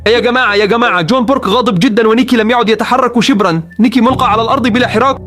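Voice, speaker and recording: A man hosting with excited, dramatic commentary on a video, speaking. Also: very high voice, racing, faint music behind. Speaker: host.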